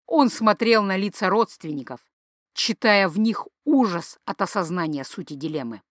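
A woman's voice: mid-range voice, expressive, moderate pace, dry recording. Woman narrating an audiobook, dry and close.

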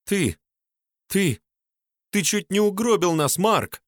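A man's voice: expressive, slow pace, dry recording. A man voicing a tearful, hysterical young woman who sobs and screams. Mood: screaming angrily. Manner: sobbing, shrill screaming.

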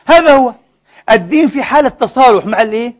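Fast, high-voiced impassioned male preacher. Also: expressive. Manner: rhetorical questions, prompts the audience to finish his sentences; impassioned, indignant, mixes formal and colloquial speech. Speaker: preacher and lecturer. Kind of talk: sermon.

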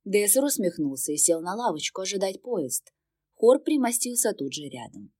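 A woman reading first-person fantasy narration in an even, wry storytelling manner. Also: medium pitch, normal speed, slightly rough, dry recording, clean studio sound. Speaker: audiobook narrator.

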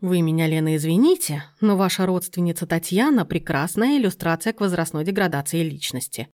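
Woman voicing a pompous young man, convoluted lecturing, low and quiet, storybook reading. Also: animated, brisk, close to an everyday voice. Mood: condescending.

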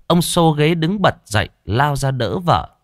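A man narrating a horror story in a dramatic, expressive way. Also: on the high side, measured pace, no echo, studio quality.

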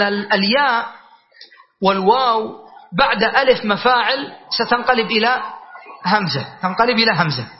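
A man teaching an Arabic grammar class, explaining rules, reciting verse lines slowly and quizzing his students. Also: high voice, dull audio. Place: classroom with a board.

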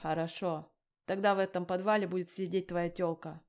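A menacing gangster man from an audiobook, put on by a woman narrator. He talks down to everyone with a mocking, threatening edge. The voice sits slightly low. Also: steady tone, fairly quick, a little mellow, lightly acted. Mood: cold threatening. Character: menacing male gangster lender, cold and crude. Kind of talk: audiobook character reading.

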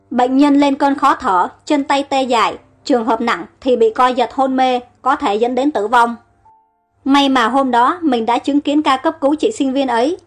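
High-voiced woman narrating a story. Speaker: audiobook narrator.

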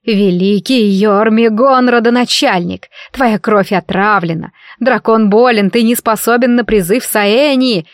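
Give me a woman playing a scornful imperial mother who hisses shrill, venomous reproaches in a dry audiobook read. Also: normal speed, no echo, close to an everyday voice. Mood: furious. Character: haughty older noblewoman, scornful imperial mother.

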